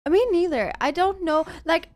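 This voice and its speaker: Woman from germany chatting casually, really high voice, giggly and playful. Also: normal speed. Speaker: co-host of confessions show. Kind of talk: casual chat.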